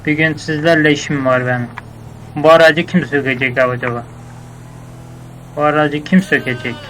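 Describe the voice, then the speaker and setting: A man running an in-character game roleplay, ordering his crew about in brusque, slangy street talk. His voice is on the higher side for a man, with a light hiss of noise beneath it. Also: fairly even intonation, moderate pace, a bit bright, poor audio.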